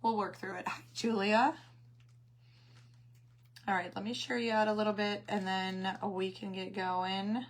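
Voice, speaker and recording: A woman with a hoarse, failing voice that cuts in and out, chatting casually as she hosts a craft livestream and greets her viewers. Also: medium pitch, flat delivery, a little slow, long pauses. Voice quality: hoarse, voice cutting in and out. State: losing her voice after coughing.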